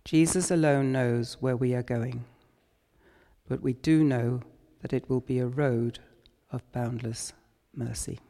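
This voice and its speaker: A male preacher delivers a sermon in a slow, deliberate cadence, reflecting on scripture as he goes. His voice rings out with a long church reverb. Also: medium pitch, fairly even intonation, warm tone. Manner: unhurried, reflective retelling of scripture.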